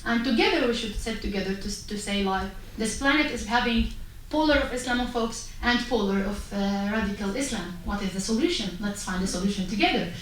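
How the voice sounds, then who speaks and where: A woman's voice: mid-range voice, fairly quick, hardly any pauses. A woman from Syria, speaking passionately and emphatically at a panel, pressing rhetorical questions. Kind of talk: impassioned panel talk. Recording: echoey hall, distant mic, faint noise.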